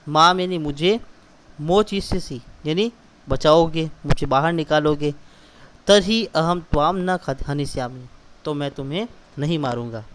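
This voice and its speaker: A man's voice: fairly high pitch, slight background noise. A man teaching a school class, patiently explaining word by word and repeating questions for the students. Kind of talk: classroom lesson explaining a text.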